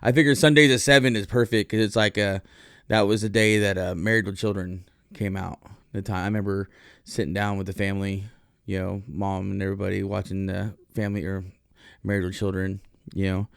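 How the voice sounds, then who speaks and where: Brief: male host, casual profane storyteller, lower voice, dry close sound. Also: level tone, fairly quick, creaky, clear, resonant tone, dry recording. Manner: rambling, profane, lots of fillers. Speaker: podcast host.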